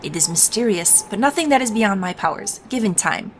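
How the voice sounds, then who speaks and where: A woman with a medium-pitched, expressive voice reads aloud video game dialogue as a pompous male wizard advisor, speaking a little fast and acting it out lightly. Her delivery is solemn, theatrical and hammy, falsely subservient, in a grave, evasive mood, with slight background noise.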